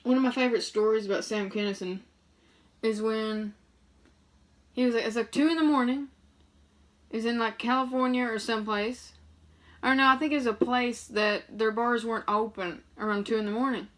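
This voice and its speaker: A young woman with a slightly high voice, chatting loosely to her audience. She swears freely and keeps circling back with fillers as she tells stories in a relaxed, rambling way. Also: moderate pace. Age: young adult. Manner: loose, profane storytelling with many fillers. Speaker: vlogger. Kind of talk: casual rambling monologue.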